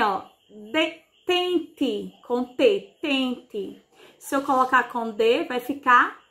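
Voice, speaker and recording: A Brazilian woman teaching young children over a televised lesson, talking slowly and kindly, with lots of diminutives and check-in questions. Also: high-pitched, vocal fry, fairly bright tone. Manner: slow, sing-song teacher talk with diminutives. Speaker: primary school teacher. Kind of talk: televised remote class for children.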